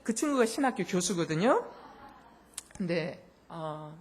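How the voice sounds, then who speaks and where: A middle-aged woman pastor delivers a heartfelt sermon in a naturally loud voice. Her pitch rises and falls widely as she tells her story and acts out the voices in it. She drops to soft, close lines, then builds to impassioned peaks. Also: very animated, measured pace, a little hiss or hum. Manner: emotional storytelling, acts out quoted dialogue; swings between soft intimate lines and loud impassioned bursts. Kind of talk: sermon with personal testimony.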